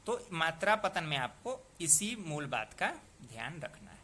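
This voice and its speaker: Male tutor, young adult, bright cutting tone, patient and methodical, sounds words out slowly. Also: a little high, big pitch swings, a little hiss or hum. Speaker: poetry meter teacher. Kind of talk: explanatory lesson.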